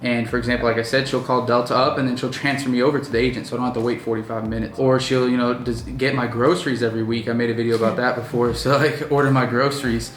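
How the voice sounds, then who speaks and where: Chatting fast with hardly any pauses, a man in his twenties who owns a business hosts a casual vlog indoors at night. His mid-range voice moves little in pitch, the room sound is noticeable, and he uses many fillers and restarts.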